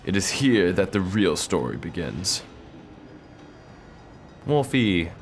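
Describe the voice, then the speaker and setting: A man's voice: low-pitched, expressive, normal speed, slight background noise. Casual young man reading a game's story. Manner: casual, joking asides. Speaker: let's play narrator. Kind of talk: reading game story aloud with commentary. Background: faint game music.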